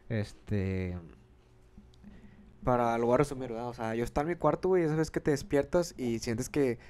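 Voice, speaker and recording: A young Monterrey man in his twenties tells a long story in a quick, slangy, rambling way. His voice sits at a middle pitch, and he speaks with a northern Mexican accent. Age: 20s. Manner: slangy, rambling, animated retelling. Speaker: podcast host. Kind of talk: casual storytelling chat.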